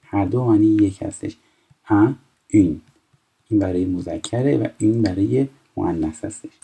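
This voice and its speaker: Teaching French in a recorded lesson, an Iranian man in his twenties explains things step by step, reading phrases slowly and then translating them. His lowish voice is creaky, husky, and dark-toned, and the audio is poor.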